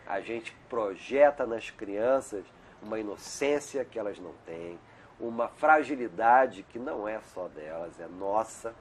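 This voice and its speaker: A middle-aged male doctor with a lowish voice guests on an interview by video call, rambling casually and sprinkling in "né?" often. Slight background noise can be heard.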